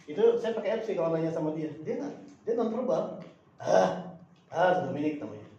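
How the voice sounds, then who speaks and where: A man shares teaching anecdotes in a relaxed chat, acting out the lines of the people he quotes. His voice sits a little high and mellow. It was caught from across a very echoey room on a dull, slightly noisy recording. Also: fast, far from the mic. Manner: animated storytelling, acts out quoted dialogue. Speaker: special-needs school teacher. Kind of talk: casual chat among colleagues.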